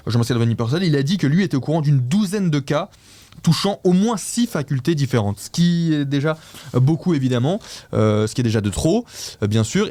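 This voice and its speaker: Man, news show host, casual recap, hesitant, restarts sentences, self-mocking, middle pitch. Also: warm tone, no room sound.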